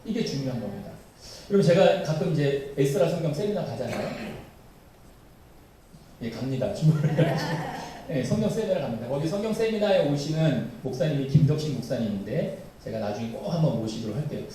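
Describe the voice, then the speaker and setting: A man's voice: a little high, expressive, brisk, dark tone, a little hiss or hum. A male pastor preaching a sermon, animatedly addressing his congregation. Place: church sanctuary. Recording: very echoey church hall, voice from far off.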